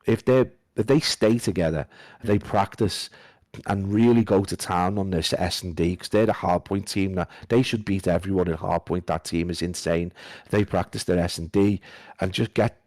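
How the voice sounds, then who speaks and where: Monotone British-sounding... male podcast guest. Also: deep voice, normal speed, dry recording. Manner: talks in a flat monotone. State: feeling unwell. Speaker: guest esports caster. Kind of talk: casual podcast chat.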